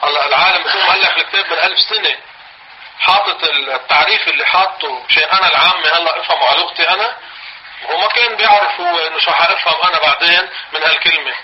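A man with a Levantine Arabic accent teaching a religious lesson, explaining slowly, repeating phrases and dictating notes to his class. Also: fairly high pitch. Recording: dull lo-fi recording, faint hiss.

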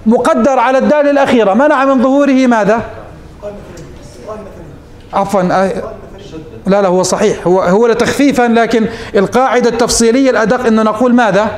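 A man's voice: extremely high pitch, steady tone, quick pace, pauses often, echoey room. A man teaching morphology as a sheikh, posing questions to his students and answering them himself. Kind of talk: classroom lesson.

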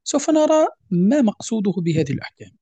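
A man's voice: high-pitched, very animated, quick pace, dark tone, breathy edge, no room sound. A man teaching a tajwid lesson, explaining patiently, repeating examples and checking that students follow. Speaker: Quran recitation teacher. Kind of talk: explanatory lesson with verse recitation.

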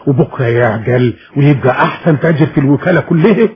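Casting: man playing folksy Egyptian farmer friend, effusive flatterer, radio drama, dull lo-fi sound. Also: medium pitch, fast, lightly acted. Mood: jovial, flattering. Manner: effusive, chuckling. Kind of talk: Arabic radio drama acting.

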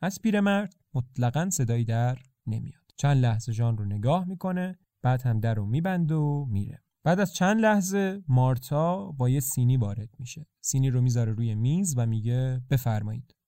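Calm man retelling a play. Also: medium pitch, hardly any pauses, dry recording, clean studio sound. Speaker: narrator. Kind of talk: storytelling narration of a play.

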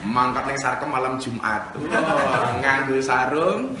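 A man's voice: medium pitch, slow pace, crowd noise. A male preacher with a Javanese accent giving a humorous sermon, telling stories and tossing questions to his audience. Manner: jokey, storytelling, asks the audience questions. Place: gathering place in a red-light district. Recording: echoey, distant mic, faint ambience.

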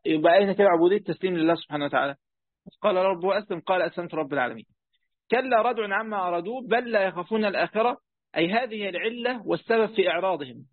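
Narrow, tinny audio with no room sound carries a man whose voice sits high. He speaks with an Egyptian Arabic accent as a Quran commentary teacher, explaining a text in a conversational lesson, questioning his students often and filling pauses with many fillers.

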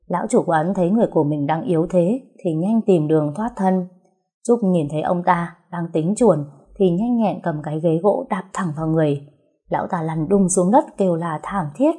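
A woman narrating a story in a steady, even way. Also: fairly low pitch, normal speed, husky.

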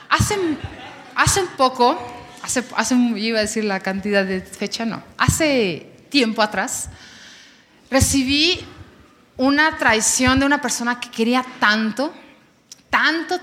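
A woman's voice: fairly high pitch, a bit bright. A Mexican woman in her thirties preaching to young people at a church service, candid and conversational, repeating words for emphasis. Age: 30s. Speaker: youth preacher. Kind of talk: sermon with personal testimony. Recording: long hall reverb.

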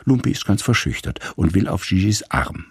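Deep, gravelly male story narrator. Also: no echo, studio quality. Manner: calm, measured storytelling. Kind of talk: radio story reading.

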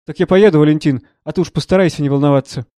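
A man reading the part of a gruff, blunt elderly friend who speaks curtly and probes. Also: a little high, fast talker, dark tone, no echo, natural voice. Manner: curt, dry, probing.

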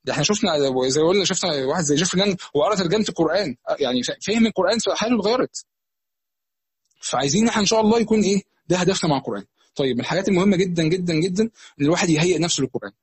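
Husky Egyptian male preacher, rapid conversational teaching, dry close sound, slightly high voice. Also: expressive, no room sound. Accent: Egyptian Arabic. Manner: fast, conversational teaching with many restarts and repetitions. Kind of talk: religious lesson.

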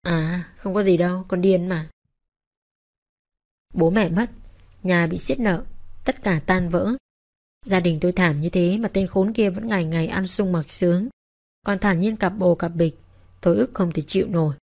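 Low-voiced woman narrating a bitter story. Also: moderate pace, darkish tone. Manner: bitter, resentful telling. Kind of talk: scripted first-person story narration.

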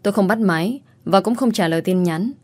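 A woman narrating a first-person family drama story in a steady, plain way. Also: mid-range voice, brisk, no echo, clean studio sound.

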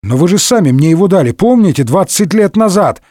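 A man voicing an excitable young Gascon musketeer in a comic audiobook. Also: high-pitched, brisk, no echo, studio quality, pitched above the performer's own voice. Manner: excitable, exclamatory.

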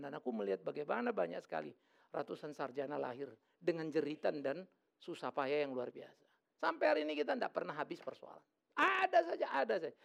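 A middle-aged male pastor preaching a lively, joking sermon in church. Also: a little high, gravelly, highs cut off. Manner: lively, joking, acts out quoted voices.

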